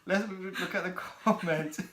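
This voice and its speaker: A man's voice: high voice, fairly even intonation, moderate pace, pushed and bright, slight background noise. Giggly male co-host in an echoey room. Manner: giggly, repeats himself. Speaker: chat show co-host. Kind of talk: casual chat.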